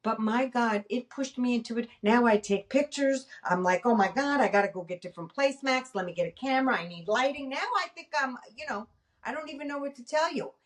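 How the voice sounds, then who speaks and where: A middle-aged woman hosting a casual talk show, animated and self-mocking, acting out her own past thoughts. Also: a little high, a little fast, far from the mic. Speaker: nurse and podcast host. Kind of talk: casual chat.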